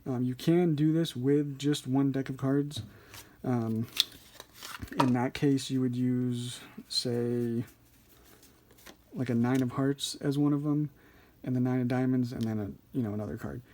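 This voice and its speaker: A man's voice: mid-range voice, steady tone, measured pace, warm tone, slight background noise. A man giving a casual hands-on tutorial as an instructor, informal and a little hesitant, thinking aloud as he explains. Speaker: card trick instructor.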